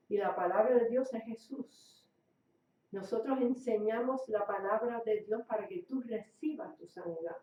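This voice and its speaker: A woman's voice: on the high side, a little mellow. A woman preaching a sermon for a radio program, speaking emphatically and repeating key phrases. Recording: echoey, distant, dull lo-fi recording.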